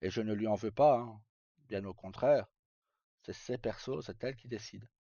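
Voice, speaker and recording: A man with a fairly low, gravelly yet mellow voice speaks at a moderate pace, casually addressing live viewers on his stream. He rambles and hesitates in colloquial speech with some cursing. A dull lo-fi mic captures him in a room with echo.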